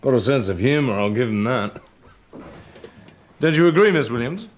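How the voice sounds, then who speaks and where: A man's voice: mid-range voice, lively intonation, normal speed, slight background noise, close to an everyday voice. An actor playing a probing, wry upper-class man in a period television drama. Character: probing, sardonic upper-class English friend.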